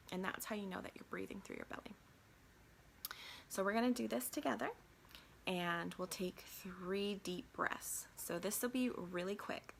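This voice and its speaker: A woman coach leads a short grounding exercise in an encouraging voice that keeps dipping into a hushed half-whisper. Her tone has a gravelly fry, and a faint hiss sits under the recording. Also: mid-range voice. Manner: warm encouraging, often drops to a soft half-whisper. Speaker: life coach.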